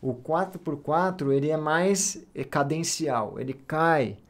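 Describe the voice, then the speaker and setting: A man's voice: on the high side, a little slow. A man teaching music theory, explaining patiently step by step, counting beats aloud and checking in with short questions.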